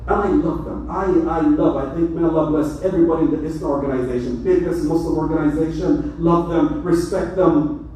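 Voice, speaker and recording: A man preaches to his mosque congregation, an imam with a lively, joking manner. His voice sits high. The sound comes from a distance in a very echoey hall. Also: brisk, a little hiss or hum. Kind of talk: mosque sermon. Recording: echoey hall, mic from far.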